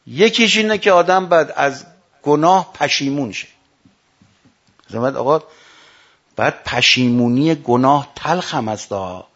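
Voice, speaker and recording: A man preaching a sermon, telling stories and quoting sayings, rising to loud emphatic lines and dropping to hushed quotes. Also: mid-range voice, lively intonation, pauses often. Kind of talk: religious sermon with storytelling. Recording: dull lo-fi recording.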